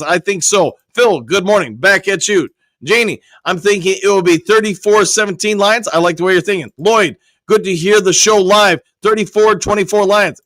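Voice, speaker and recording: A man with a high, fairly bright voice hosts a live stream, recorded with no room sound. He reads viewers' comments aloud and answers them cheerfully, though his voice is nearly worn out.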